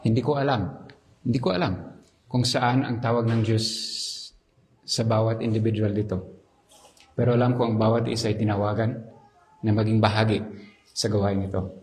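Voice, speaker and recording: A man preaching a sermon in a dramatic, animated storytelling manner. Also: fairly low pitch, normal speed, long pauses, slight background noise.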